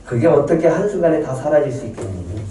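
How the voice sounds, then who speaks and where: A man's voice: a little high, sing-song, fast, dark tone, a little hiss or hum. A man voicing an accusing tempter spirit who taunts a listener about past failures. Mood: taunting. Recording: roomy hall from a distance.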